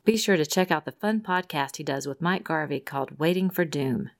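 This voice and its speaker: A woman with a low voice and a gravelly edge reads listener messages as co-host of a podcast. She stays upbeat and leans into the quoted lines with lively emphasis. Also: brisk. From Rhode Island, USA. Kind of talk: reading listener mail.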